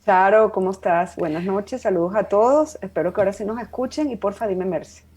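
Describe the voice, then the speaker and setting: A woman in her fifties with a Venezuelan accent, a psychologist speaking as an interview guest in a warm, heartfelt way. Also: medium pitch, fairly quick, slightly rough. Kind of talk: interview conversation.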